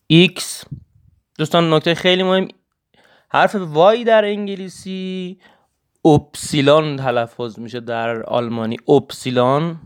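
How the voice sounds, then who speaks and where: Smooth-voiced man teaching the alphabet. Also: on the high side. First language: Persian. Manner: slow, careful letter-by-letter pronunciation drills. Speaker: German language teacher. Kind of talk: voice-note language lesson.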